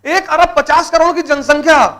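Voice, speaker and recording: A man's voice: very high-pitched, fairly even intonation, moderate pace, bright, forceful tone. A middle-aged man giving a motivational lecture to exam students, exhorting them with blunt commands and repeating key words for emphasis.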